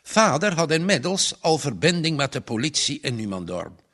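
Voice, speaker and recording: A man narrating a storybook aloud with a lively, expressive delivery. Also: a little high, normal speed. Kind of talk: storybook reading.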